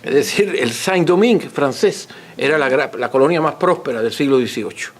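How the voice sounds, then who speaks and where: A man's voice: medium pitch, lively intonation, normal speed. A man gives an extempore scholarly talk as a lecturer, teaching courteously and repeating points for emphasis. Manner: didactic, emphatic repetition, courteous. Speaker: author and lecturer answering audience questions.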